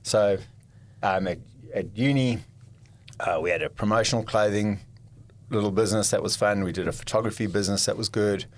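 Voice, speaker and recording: A man in his thirties from South Africa with a South African accent, a podcast guest telling stories about his life in a relaxed, chatty way. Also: lowish voice, a little fast. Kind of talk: casual interview storytelling.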